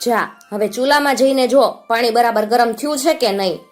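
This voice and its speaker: A woman voicing a cruel, greedy, half-blind old witch woman who barks orders and scolds in a shrill voice. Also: normal speed, soft background music, close to an everyday voice. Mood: scolding.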